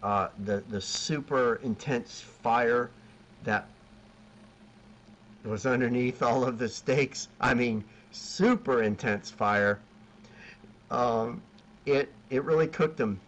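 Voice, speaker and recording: A man's voice: medium pitch, slow pace, long pauses. A man on a video call, telling rambling catering and grilling stories in casual chat, laughing at himself. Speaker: BBQ caterer, guest. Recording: dull lo-fi sound with faint noise.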